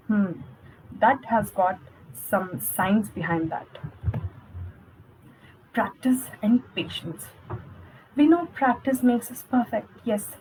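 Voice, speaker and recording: A young woman coaches viewers through a spoken lesson. Her voice sits a little high, and she keeps an instructive, encouraging tone throughout. A faint hum of background noise sits under her speech. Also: darkish tone, low-quality recording. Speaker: spoken English skills coach. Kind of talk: online lesson.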